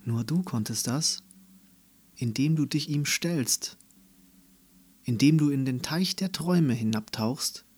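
A man voicing a grumpy male non-unicorn in a storybook, speaking quietly, haltingly and unsure of himself. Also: mid-range voice, breathy edge. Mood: sheepish, hesitant. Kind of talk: storybook reading.

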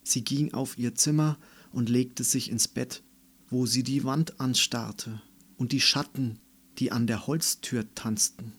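A man reading a children's story aloud as narrator, in a calm, measured manner. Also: medium pitch, breathy edge.

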